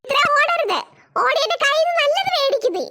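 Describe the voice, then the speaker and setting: A woman voicing a furious mother who scolds her daughter and shouts threats in a cartoon. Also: extremely high pitch, expressive, fairly quick, full character voice. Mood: angry.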